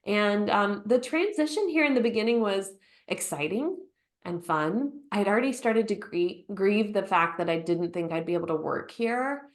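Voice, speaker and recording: Woman, 30s, podcast guest, lively storyteller, playful, middle pitch. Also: normal speed. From United States. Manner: lively storyteller who acts out quotes with laughter. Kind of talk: conversational storytelling interview.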